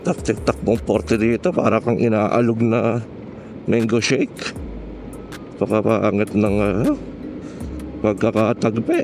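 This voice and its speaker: Riding a motorcycle through city traffic outdoors, a Filipino motovlogger chats casually, joking and slangy, mixing in English. His lowish voice has lively intonation, and he takes it slowly, pausing often, over music.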